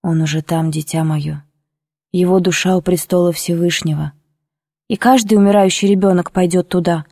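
A woman voicing a gentle grey-haired old priest who speaks softly and consolingly. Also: fairly low pitch, fairly even intonation, moderate pace, creaky, no echo, studio quality, long reverb tail. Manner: soft and consoling.

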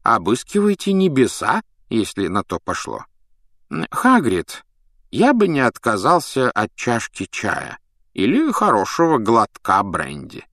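A man's voice: medium pitch, wildly swooping pitch, takes it slowly, bright, forceful tone, no room sound, clean studio sound, exaggerated voice. Dumbledore, a man doing a wry old wizard. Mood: mocking. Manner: wry, courteous. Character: old wizard headmaster, calm and gently mocking.

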